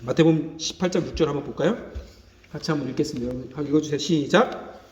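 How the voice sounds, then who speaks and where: Racing through his sermon, this pastor has a fairly high, darkish voice and drives points home by saying key phrases twice and crying hallelujah to draw responses. The church sanctuary echoes, and the dull lo-fi recording carries a little hiss or hum.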